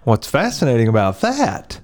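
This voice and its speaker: A man, a pastor, talking through a Bible story in a relaxed conversation, thoughtful and shifting pace as he explains. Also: mid-range voice. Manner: thoughtful, speeds up and slows down while explaining. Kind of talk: casual conversation on scripture.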